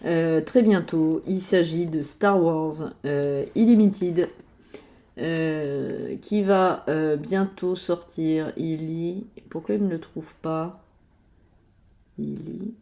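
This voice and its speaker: Chatty woman with a dark voice. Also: low-pitched, slow. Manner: chatty, hesitant, many fillers, mutters to herself. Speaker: board game youtuber. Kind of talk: casual chat while browsing websites.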